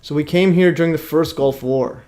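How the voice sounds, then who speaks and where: A man's voice: a little high, moderate pace, dark tone. A tired man born in Iraq hosts a livestream, rambling with many fillers and restarts. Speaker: livestream host. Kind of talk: casual livestream chat.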